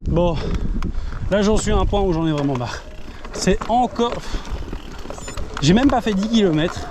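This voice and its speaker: A man's voice: high voice, expressive, normal speed. A man chatting to camera while riding outdoors, grumbling and swearing in exasperation as he comments on his ride. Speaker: mountain biker vlogger. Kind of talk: self-filmed ride commentary, casual chat. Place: outdoors on a trail, riding a bike. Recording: noisy outdoor ride recording.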